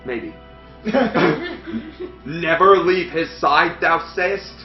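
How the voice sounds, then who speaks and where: A man hamming up a pompous, scheming old king, lively and swooping in pitch with mock-Shakespearean bluster. Heard in an echoing room with muffled, lo-fi sound and faint game music. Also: very slow, exaggerated voice. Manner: mock-Shakespearean, laughing through lines. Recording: roomy lo-fi stream audio with game music.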